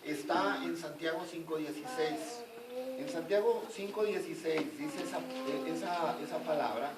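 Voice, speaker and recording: A male evangelist preaching a sermon, retelling a conversation with emphatic, animated questions. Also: a little high, moderate pace. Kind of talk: sermon with retold dialogue. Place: church sanctuary. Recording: echoey church from far off with noise.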